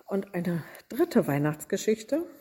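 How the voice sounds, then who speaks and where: A woman reading Christmas stories aloud in a measured, deliberate storytelling manner. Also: mid-range voice, sing-song, warm tone, husky. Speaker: reader.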